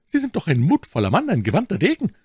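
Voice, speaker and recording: A man voicing a cold, scheming young noblewoman in a cutting, mocking high falsetto for a read-aloud novel. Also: huge pitch swings, fast, a little mellow, breathy edge, dry recording, studio quality, heavily acted. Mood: coaxing, mocking.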